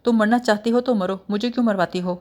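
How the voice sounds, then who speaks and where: A woman's voice: mid-range voice, a little mellow, natural voice. Woman voicing an anxious young schoolteacher. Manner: curt, defensive. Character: anxious young schoolteacher supporting her family.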